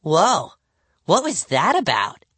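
A man's voice: a little high, huge pitch swings, slow, a bit bright, slightly rough, no room sound, pitched above the performer's own voice, full character voice. A man reading an audiobook and voicing a young girl who reacts with disgust and surprise. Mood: grossed out. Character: grossed-out girl, older sister type.

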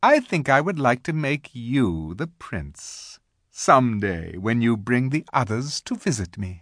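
A reader voicing an imperious, scheming witch queen from a children's storybook, sweet-talking in grand, drawn-out phrases. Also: mid-range voice, very animated, no room sound, studio quality. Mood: sweetly coaxing.

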